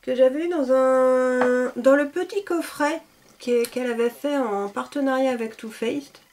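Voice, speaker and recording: A woman's voice: high-pitched, a little slow, darkish tone. A woman chatting casually as a beauty vlogger, enthusiastic and full of fillers. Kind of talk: casual product showcase.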